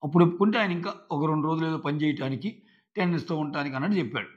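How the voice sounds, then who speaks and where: A man with a fairly high voice gives an emphatic episode review. He argues his points and keeps throwing rhetorical questions at the listener. The audio is dull and muffled. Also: very fast. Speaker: reality show reviewer.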